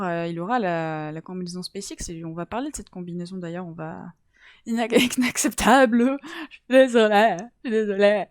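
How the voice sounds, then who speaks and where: A woman's voice: medium pitch, no echo, studio quality. A woman from around Toulouse hosting a casual science live-stream, chatty and giggly, greeting viewers in the chat.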